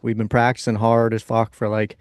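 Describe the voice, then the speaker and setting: A man's voice: lowish voice, completely flat delivery, fairly quick, clear, resonant tone, no echo, studio quality. A man of thirty-one co-hosting a podcast, talking in a laid-back, easily laughing way. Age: 30s. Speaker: podcast co-host. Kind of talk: casual chat.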